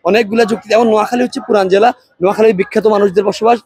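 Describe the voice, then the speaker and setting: A man with a Noakhali Bengali accent argues heatedly in a street interview, keeps repeating himself and asks whether you follow. His voice sits very high and races along. The sound is dry and close. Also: fairly even intonation, very fast, a little mellow, husky, dry recording. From Noakhali, Bangladesh.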